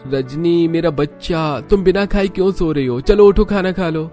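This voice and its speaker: A man puts on a young husband in a cartoon story, coaxing his wife. His voice is lifted well above his usual low register. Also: moderate pace, darkish tone, faint music behind, close to an everyday voice.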